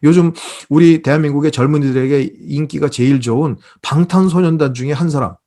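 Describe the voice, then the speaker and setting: A male pastor giving an online Bible lecture, telling a story in an animated way and acting out the characters. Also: on the high side, brisk. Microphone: video call.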